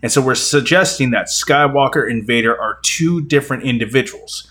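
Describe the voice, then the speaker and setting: A man's voice: medium pitch, normal speed, bright, forceful tone. Crude, rambling podcast guy. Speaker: podcast co-host. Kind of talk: casual movie discussion.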